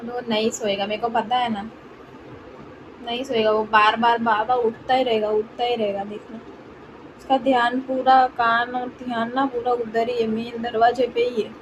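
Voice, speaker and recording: A woman's voice: a little high, level tone, moderate pace, background noise. A woman vlogger chatting casually at home, cooing baby talk to her pet dog in between. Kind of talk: casual vlog chat.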